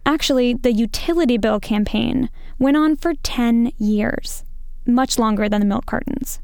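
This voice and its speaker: Creaky higher-voiced woman narrator. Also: measured pace, a little mellow, no room sound, studio quality. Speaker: podcast reporter. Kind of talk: scripted documentary narration.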